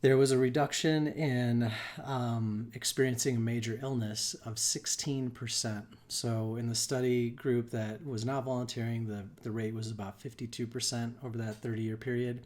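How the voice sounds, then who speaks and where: A man, a life coach, hosting a live wellbeing talk in an unhurried, reflective way, with frequent ums and restarts. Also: mid-range voice, fairly even intonation, a little mellow.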